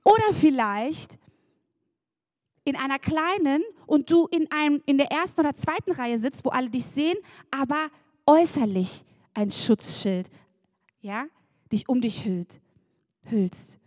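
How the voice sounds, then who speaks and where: A woman preaching a sermon, lively and chatty, laughing and talking straight to the congregation. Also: high voice, measured pace, long pauses, dry recording, clean studio sound.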